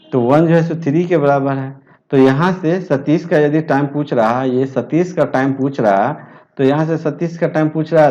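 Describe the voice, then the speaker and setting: A man teaching a math lesson, explaining slowly and deliberately. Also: a little high, mellow, lo-fi sound.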